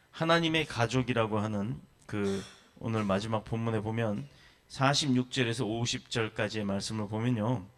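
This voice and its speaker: A man's voice: medium pitch, creaky. A man who pastors a church, preaching a sermon with emphatic lists and rhetorical questions.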